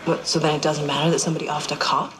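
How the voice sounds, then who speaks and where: An actress playing a private investigator who talks in a brisk, teasing, quick-witted way. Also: female voice, sits low, level tone, lightly acted. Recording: TV drama audio with music score and background noise.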